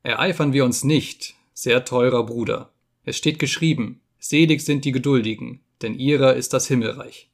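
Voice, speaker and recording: A man voicing a sly table jester who mocks calmly, in an audiobook reading. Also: medium pitch, moderate pace, vocal fry, lightly acted. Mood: serene.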